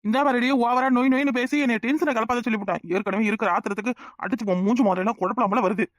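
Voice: mid-range voice, fairly even intonation, rapid-fire, no room sound, studio quality, close to an everyday voice. A voice actor playing a hot-tempered, easily flustered young village husband in a cartoon comedy, with a Tirunelveli Tamil accent and scolding, exasperated rants. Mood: irritated.

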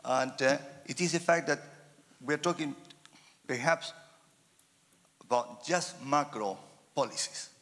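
A man from Chile, an audience member asking a long, halting question full of fillers in a large hall. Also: mid-range voice, a bit bright. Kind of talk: audience question at a panel event. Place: large wood-panelled hall. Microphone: roving handheld mic.

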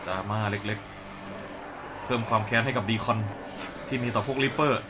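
Guy commentating a game, swears a lot, jokey, game sounds clearly behind. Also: medium pitch, moderate pace, noisy background. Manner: swearing, excitable, joking. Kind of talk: let's play commentary with live dubbing.

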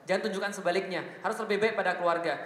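A man in his thirties preaching a lively sermon to an audience, animated, acting out the voices of his parents. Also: high-pitched, very fast. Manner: animated, acts out quoted parents, laughs at himself. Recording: roomy hall with long reverb.

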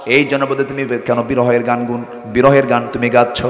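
A man's voice: medium pitch, flat delivery, moderate pace, lightly acted. A male preacher voicing a stern, pious caliph who questions sharply, in an echoey hall. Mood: reproachful. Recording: echoey hall with long reverb.

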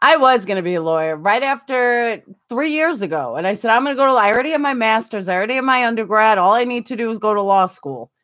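A woman's voice: a little high, lively intonation, fast, few pauses, fairly bright tone. Chatty woman in her forties streaming live. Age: 40s. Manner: chatty and self-mocking, laughs often. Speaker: livestream host. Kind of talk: casual live-stream chat, reading viewer comments. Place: small indoor room with curtains behind.

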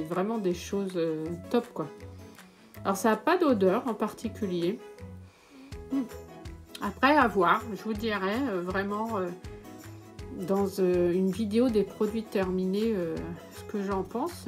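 A woman in her thirties doing a casual unboxing vlog, enthusiastic and full of fillers and exclamations. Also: mid-range voice. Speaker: beauty and lifestyle vlogger.

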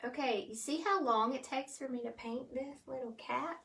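A woman's voice: high voice, moderate pace, gravelly, fairly bright tone, far from the mic. A woman, leading a live painting tutorial in a chatty, giggly way. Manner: chatty, giggly, says y'all. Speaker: painting instructor.

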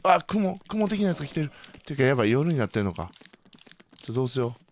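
A young man with a Kansai accent commentating his own game play, bursting into loud reactions and then muttering quietly. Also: fast talker, slight background noise. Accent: Kansai Japanese. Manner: excitable, reacts loudly to surprises, then mutters low. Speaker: gaming channel host.

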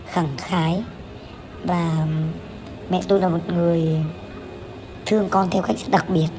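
A woman in her thirties does the voice-over for a family vlog, sounding candid and chatty, full of fillers, restarts and self-corrections. Her voice sits fairly low with a dark tone, and a faint hiss or hum runs underneath.

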